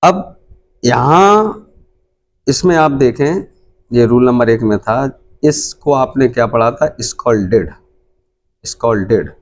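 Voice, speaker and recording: Slow Hindi-accented male teacher. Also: mid-range voice, slight background noise. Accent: Indian Hindi. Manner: slow, repeats each word several times. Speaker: English teacher. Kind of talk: pronunciation lesson.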